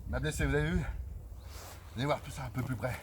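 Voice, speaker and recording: A man's voice: mid-range voice, fast, background noise. Theatrical man narrating outdoors. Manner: exaggerated, theatrical, addresses viewers as friends. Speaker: comic host of a mock hunting video. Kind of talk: comic mock wildlife commentary. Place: outdoors in a forest.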